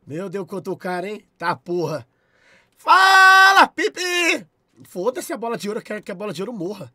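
A young man with a Brazilian accent, chatting on a live stream, loud and profane, shouting thanks at his chat. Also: sits high, fast, husky, no room sound, studio quality. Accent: Brazilian Portuguese.

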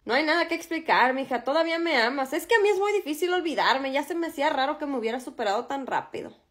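A woman's voice: high-pitched, animated, fast, a bit bright. A woman playing a swaggering macho man. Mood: flirting. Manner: swaggering and boastful, calls everyone mija. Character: cocky macho middle-aged man, a flirt. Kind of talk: comedy sketch.

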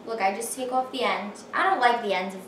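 A cheerful young woman hosting a cooking channel gives a casual demonstration in her home kitchen, explaining each step plainly. Her voice is a little high and a bit bright at a quick pace, with roomy kitchen echo and faint noise.

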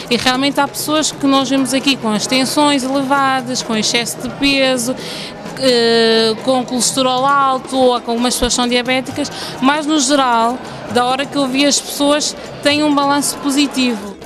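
A woman doctor from São Tomé and Príncipe explaining diet and health in a direct, instructive way, in an indoor sports hall. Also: high voice. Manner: direct, explanatory, addresses the listener. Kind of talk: giving health advice.

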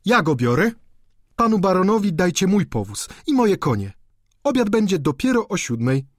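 A man's voice: sits high, big pitch swings, normal speed, dry recording, studio quality, pitched above the performer's own voice. A male audiobook narrator voicing a distraught young noblewoman who speaks in a pleading, tremulous way. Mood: urgent. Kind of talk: audiobook character reading.

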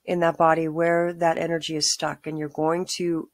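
A middle-aged woman leading a calm guided grounding exercise, giving soothing, unhurried instructions with pauses. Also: low voice. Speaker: meditation guide. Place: small room at home, indoors.

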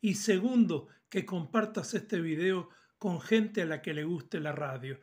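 Speaking unhurriedly in a high, slightly mellow voice, a man teaches viewers of his amateur radio channel in an informal tutorial, talking straight to them. The setting is a small indoor room at home, captured with a phone at arm's length.

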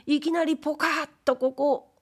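A woman reads period fiction aloud as an audiobook, voicing an aggrieved, timid, humble male ghost who had been a wastepaper dealer, speaking politely and plaintively in old Edo commoner style. She uses a high voice pitched above her own, with fairly even intonation and moderate pace.

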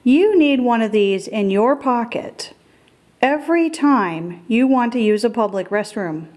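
A woman's voice: a little high, expressive, a little slow, darkish tone. A middle-aged woman hosting a currency collecting show, giving careful scripted educational narration.

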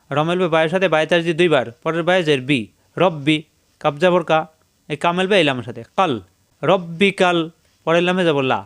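A man teaching Quran reading, spelling each syllable slowly and then chanting the verse in a raised voice. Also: on the high side, a bit bright, clear, resonant tone. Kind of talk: spelling-out recitation lesson.

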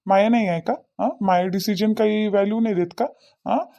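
A man's voice: high voice, steady tone, brisk, vocal fry, dark tone. A man with a Varhadi Marathi accent voicing an indignant young husband who keeps firing questions back. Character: resentful young husband, sulky.

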